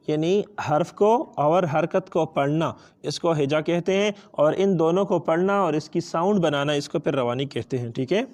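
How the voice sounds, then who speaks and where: In a step-by-step Quran reading lesson, a Pakistani-accented man speaks in a voice on the high side and a little mellow. He moves between two languages, patiently asks questions and answers them himself, and draws out the sounds of letters.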